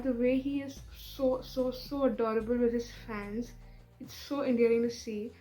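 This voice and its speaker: Gushing woman, higher voice. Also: mellow, low-quality recording. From India. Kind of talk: fan testimonial.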